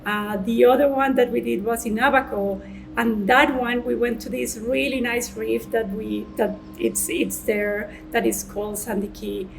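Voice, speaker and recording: A woman explains her research in an unhurried interview style, often restarting her phrases. Her voice sits a little high and has a gravelly edge, with faint noise behind it. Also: steady tone. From Colombia. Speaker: senior marine scientist. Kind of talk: conversational interview answers.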